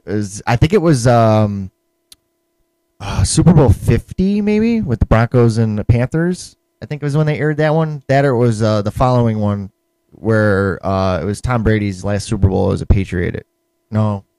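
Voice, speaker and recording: A man's voice: lowish voice, lively intonation, moderate pace, dark tone, dry recording. A man co-hosting a casual sports podcast, hesitant and restarting often, fond of puns. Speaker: podcast co-host.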